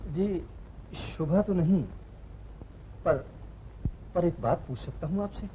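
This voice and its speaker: An actor playing a nervous young nephew, evasive under questioning in a 1950s film. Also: male voice, on the high side, slow pace. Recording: dull old film soundtrack with hiss.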